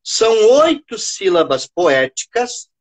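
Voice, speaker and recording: A woman's voice: fairly low pitch, big pitch swings, slow. A woman from Brazil leading a live teaching session for teachers, patient, checking in often and counting syllables aloud. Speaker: teacher presenting a workshop for teachers.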